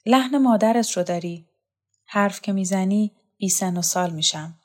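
A weary, bitter former actress pours out her loneliness in a quiet, confessional voice, as a woman narrator reads her lines. She speaks in a storybook telling at an ordinary middle pitch, with no heavy acting. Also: natural voice. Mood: brooding.

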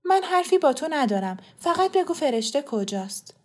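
A woman's voice: high voice, very animated, a little mellow, pitched above the performer's own voice. A woman reading a story voices a frightened but defiant mother, speaking urgently and tensely.

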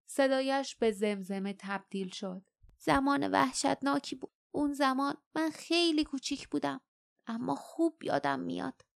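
A woman's voice: high voice, creaky, pitched above the performer's own voice. A woman voicing a protective mother giant creature in an audiobook, scolding and earnest by turns. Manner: scolding, then earnest and soft. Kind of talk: audiobook character voice.

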